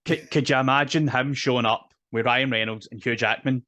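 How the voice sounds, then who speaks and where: A man's voice: medium pitch, steady tone, brisk, pushed and bright. A man co-hosting a casual podcast, chiming in with brief, agreeable comments. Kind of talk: casual chat.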